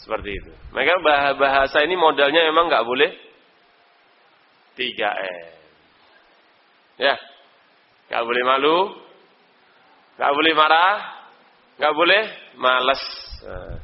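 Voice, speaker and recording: A man's voice: on the high side, a little hiss or hum. Indonesian man teaching an Arabic class. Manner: calls on students by name, quizzes them, chuckles. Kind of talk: live online Arabic class. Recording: dull lo-fi recording.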